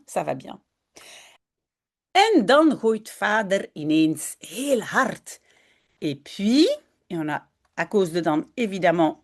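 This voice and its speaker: Patient, lively-voiced woman teacher. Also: mid-range voice. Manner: patient, repeats and translates phrases line by line. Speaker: Dutch language teacher. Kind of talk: reading a Dutch story aloud and explaining it in French.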